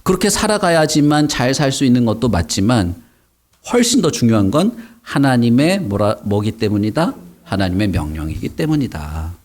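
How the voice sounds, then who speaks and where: A man teaching a Sunday school sermon to children, asking them questions as he goes. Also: medium pitch. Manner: animated, asks the kids questions.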